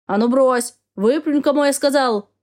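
A woman voicing a loud, burly bearded man who scolds and coaxes his pet in an audiobook. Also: fairly high pitch, animated, normal speed, lightly acted. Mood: scolding. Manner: shouting, scolding and coaxing.

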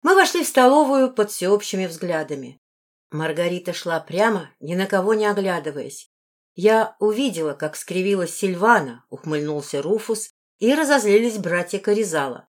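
A woman narrating a fantasy novel in first person, with measured and expressive storytelling. Her voice sits at a middle pitch for a woman. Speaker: audiobook narrator.

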